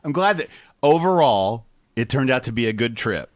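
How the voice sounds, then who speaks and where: A man in a middle-pitched voice co-hosts a radio show, teasing his partner and asking lots of questions. He agrees easily and keeps the chat moving. The sound is close and dry, with no room around it. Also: big pitch swings, normal speed, dry recording. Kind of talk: casual chat.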